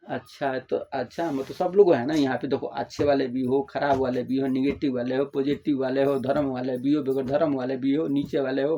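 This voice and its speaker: An older man explaining in a casual, rambling way, repeating himself and acting out the listeners' replies in a softer voice. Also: medium pitch, a little hiss or hum. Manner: addresses listeners as "babu". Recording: dull lo-fi audio.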